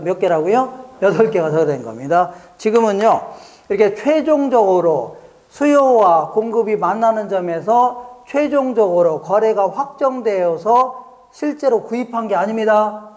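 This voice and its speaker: In an exam prep lecture, a Korean man whose voice sits high and a little mellow repeatedly quizzes his class. He also performs brief market scenes as back-and-forth dialogue.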